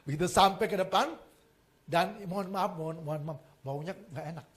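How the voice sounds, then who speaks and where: A man preaching a sermon as a pastor, telling lively stories with jokes and acted-out quotes, swinging between loud emphasis and soft asides. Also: high voice, normal speed.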